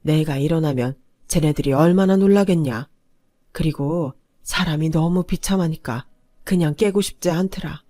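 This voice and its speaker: A woman voicing a frail old grandmother who speaks softly and with resignation. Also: deep voice, moderate pace. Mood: sad.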